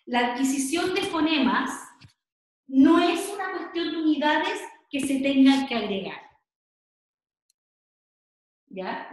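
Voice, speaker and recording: Chilean woman teacher, high and unhurried, patient lecturing, very echoey room. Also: a little mellow. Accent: Chilean Spanish. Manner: explains patiently, adding "¿cierto?" and "¿ya?" to check in. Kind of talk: online class lecture.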